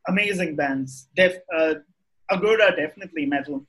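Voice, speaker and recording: A man's voice: a little high, normal speed, a bit bright, poor audio. A man with an Indian English accent chatting casually and giving opinions as a podcast guest, often repeating and restarting his phrases.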